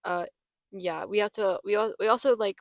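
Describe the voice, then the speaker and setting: A woman's voice: mid-range voice, normal speed, creaky, no echo. A young woman hosting a podcast in casual chat, talking in a chatty, rambling way with restarts. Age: young adult. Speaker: podcast host. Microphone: podcast mic.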